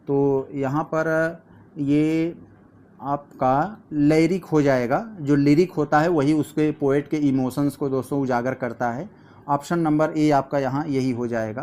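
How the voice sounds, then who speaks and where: Male tutor, slightly high voice, patient step-by-step exam explainer. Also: a little mellow. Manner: explains step by step, reads questions aloud slowly. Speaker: teacher. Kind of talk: exam practice lesson.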